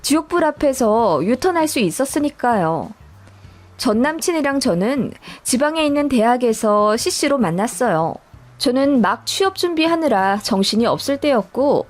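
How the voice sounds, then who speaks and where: A woman with a high-sitting, darkish voice narrates a scripted first-person personal story in a storytelling style. Background music plays behind her.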